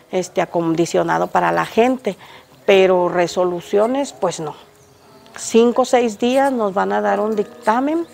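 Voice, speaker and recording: Standing on the street at her house gate, an older woman with a Mexican Spanish accent is interviewed by a reporter. She answers haltingly, often restarting, in a creaky, medium-pitched voice with a darkish tone.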